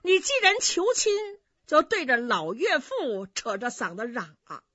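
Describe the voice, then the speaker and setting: A woman voicing a clever, sharp-tongued innkeeper's wife who scolds, in a dry, slightly dull recording. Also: a little high, wildly swooping pitch, dry recording, heavily acted. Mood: scolding. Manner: scolding, quick-witted.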